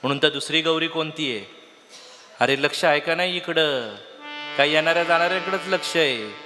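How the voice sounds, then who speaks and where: A man's voice: on the high side, moderate pace, in a large hall, over music. A man preaching a devotional sermon, telling stories, quizzing his listeners and breaking into song. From Maharashtra. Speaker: kirtan preacher.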